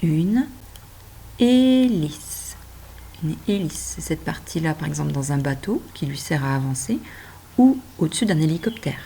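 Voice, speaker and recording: A woman teacher gently guiding a child through handwriting and reading, speaking directly to them and stretching words out. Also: low voice, expressive, a little fast, vocal fry, slight background noise. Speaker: primary school teacher.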